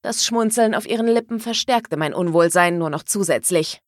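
A woman's voice: lowish voice, moderate pace, no room sound, studio quality. A woman narrating a first-person audiobook expressively, giving her own lines a feisty edge.

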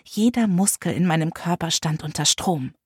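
A woman's voice: fairly low pitch, expressive, moderate pace, husky, dry recording, clean studio sound. A young woman narrating a first-person audiobook with an intense, emotional delivery.

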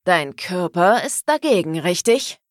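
A woman's voice: lowish voice, very animated, a little slow, no echo, clean studio sound. A woman voicing a cocky, teasing gangster man who talks in a smug, taunting way.

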